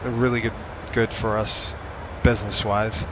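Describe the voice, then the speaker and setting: A man's voice: lowish voice, flat delivery, normal speed. A man chatting casually as a pilot streaming from a flight simulator. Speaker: virtual airline pilot and streamer reading viewer comments. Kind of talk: casual chat while flying a simulator. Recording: clear vehicle-like cockpit noise.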